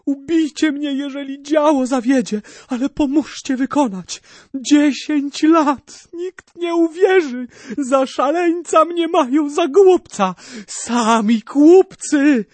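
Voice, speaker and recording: A man voicing a frantic, boastful male cannon-maker who pleads in a shrill, breathless voice. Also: dry recording.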